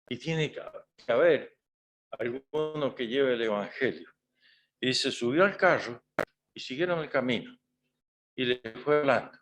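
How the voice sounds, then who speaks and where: A man's voice: medium pitch, fairly bright tone. A male preacher giving a sermon in a conversational style, often tagging his points with rhetorical questions to the congregation.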